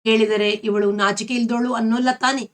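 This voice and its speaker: A woman's voice: on the high side, flat delivery, brisk, close to an everyday voice. A woman reading a shy young woman in love. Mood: tender.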